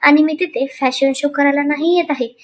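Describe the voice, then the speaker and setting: A shy, humble young wife, read by a woman narrator in a storybook serial. She speaks softly and earnestly in a high voice. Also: steady tone, moderate pace, a little hiss or hum, close to an everyday voice. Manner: soft, earnest, timid.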